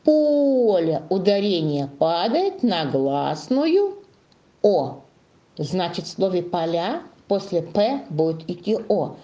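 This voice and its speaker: A woman leads a young class through a lesson, her pitch swinging up and down as she coaxes answers from the pupils. Her voice is mellow and soft-edged, and she stretches out key words slowly while dictating. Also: big pitch swings, dull audio. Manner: slow, drawn-out dictation to young children; coaxing, sing-song questioning. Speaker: primary school teacher.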